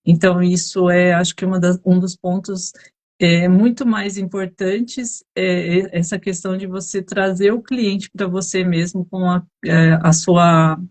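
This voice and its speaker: A woman's voice: on the low side, fairly even intonation, unhurried, a little mellow. A woman co-hosting a casual live chat over a video call, chatty, with many fillers. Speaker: co-host.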